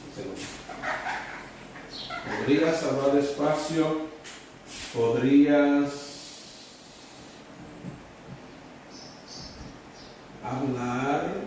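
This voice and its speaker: A man teaching English phrases at a whiteboard, switching between English and Spanish and repeating each phrase slowly several times. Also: medium pitch. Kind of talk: bilingual whiteboard lesson. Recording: roomy, distant mic, faint background hum.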